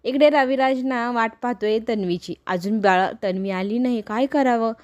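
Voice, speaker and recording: In a lo-fi recording, a woman with a Marathi accent and a slightly high voice casually recaps a TV serial episode at normal speed. She tells it like a story, lightly acting out the characters' dialogue.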